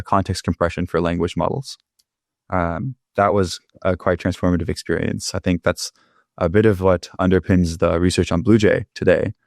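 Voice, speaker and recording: A young man from California, a startup founder guest in a casual interview, talking in a relaxed, rambling way with many fillers, calling in from home. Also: deep voice, no echo, clean studio sound. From California, Bay Area. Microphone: remote call.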